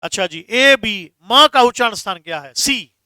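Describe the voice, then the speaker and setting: Bright, emphatic Hindi teacher, a man. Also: sits high, expressive, unhurried, clear, resonant tone, no echo, studio quality. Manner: emphatic, stretches key words for stress; reads out viewers' comments and answers them. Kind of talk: online grammar class.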